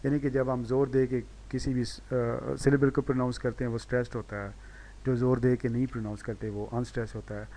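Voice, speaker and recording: A man teaching a recorded lesson, patiently repeating example words slowly and correcting himself with "sorry". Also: medium pitch, little pitch movement, warm tone. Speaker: English teacher.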